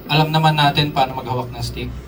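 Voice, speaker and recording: A drum instructor speaks at a fast clip in a steady, medium-pitched voice, running a live workshop where he chats casually, quizzes his audience, and slips in English terms. His voice sits far from the mic, with drums in the room and a noisy background.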